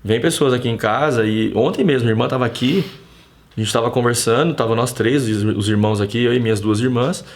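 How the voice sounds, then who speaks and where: Speaking fast in a Brazilian accent at an ordinary middle pitch, a man hosts a relaxed live stream from home. His storytelling is animated and full of slang, and he often acts out snippets of dialogue.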